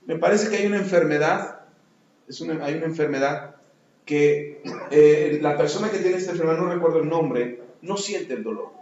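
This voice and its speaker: High-voiced pastor in an echoey hall. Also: male voice, moderate pace, slight background noise. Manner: emphatic preaching, rising loud on key words then dropping low and soft. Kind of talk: sermon. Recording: echoey, dull lo-fi sound.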